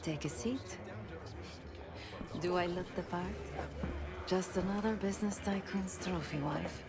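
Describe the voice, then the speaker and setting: Low, gravelly, cool spy woman. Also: a little slow. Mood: cool, instructing. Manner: confident, controlled, instructing. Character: cool, shrewd female spy briefing an operative. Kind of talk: video game cutscene acting. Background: music.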